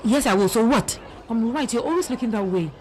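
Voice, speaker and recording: A woman's voice: a little high, animated, fairly quick, a little mellow, slight background noise, natural voice. A woman dubbing a telenovela, playing an anxious young daughter who pleads and nags. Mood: nagging. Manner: pleading, then nagging. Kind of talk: dubbed telenovela acting.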